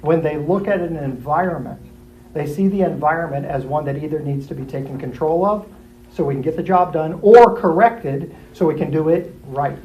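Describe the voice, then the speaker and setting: Guy leading a bible study, lively and playful, roomy echo and a bit of room hiss. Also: fairly high pitch, moderate pace, highs cut off. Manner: lively, acts out characters in jumpy put-on voices. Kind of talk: animated classroom teaching. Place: church classroom.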